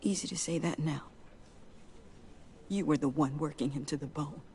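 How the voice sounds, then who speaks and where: An actress playing a grieving young daughter in a video game, fragile, halting and emotional, with a creaky voice and a wary, hurt edge. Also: female voice, low-pitched, warm tone, a little hiss or hum, close to an everyday voice. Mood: bitter, hurt. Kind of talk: dramatic video game acting.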